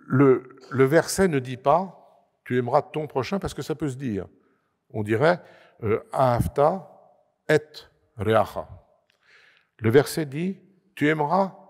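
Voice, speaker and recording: Speaking in a slightly mellow, mid-range voice, a man explains his subject to an audience at a conference panel, lecture-style. He sounds emphatic despite frequent hesitations and restarts, and the assembly hall gives the recording a long, large-hall reverb.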